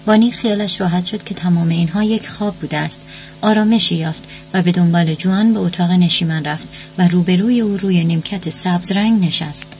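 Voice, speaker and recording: Woman narrating with a low voice. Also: darkish tone. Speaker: audiobook narrator. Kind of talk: scripted narration. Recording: dull lo-fi audio with hiss.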